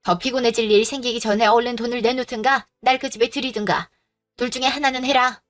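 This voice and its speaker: A woman's voice: a little high, fairly even intonation, fast, faint music behind, close to an everyday voice. A woman voicing a greedy, domineering middle-aged mother-in-law who scolds and makes demands, in a drama. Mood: demanding. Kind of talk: Korean audio drama acting.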